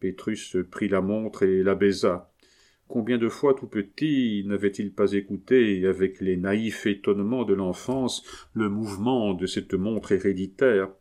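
A man narrating a novel as an audiobook in a measured, storytelling way. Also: fairly low pitch, dark tone.

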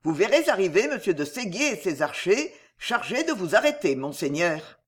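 An audiobook reader voicing a young gentleman gravely warning of an arrest. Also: mid-range voice, very animated, normal speed, natural voice. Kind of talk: audiobook reading of a historical novel.

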